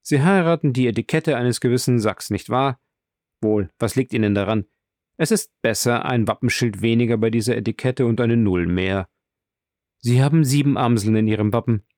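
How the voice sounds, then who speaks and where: A man's voice: mid-range voice, normal speed, a little mellow, no echo, natural voice. A casual, ironic young official, as a male narrator reads him, tossing off remarks in an offhand way. The audiobook sound is dry and close. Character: nonchalant young government secretary, ironic.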